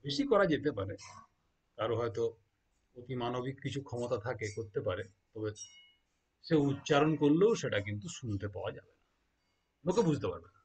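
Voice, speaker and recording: A man's voice: medium pitch, lively intonation, a little fast, long pauses, a little mellow, breathy edge. A man teaching a lesson, spelling words out letter by letter and answering his own questions. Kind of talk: explaining a lesson to students.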